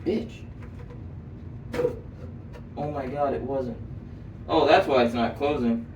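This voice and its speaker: Far from the mic, with a little hiss or hum, a young vlogger in an echoey indoor room speaks slowly in a mid-range, darkish voice. He keeps working with his hands while casually telling a story, swearing often and leaning on fillers.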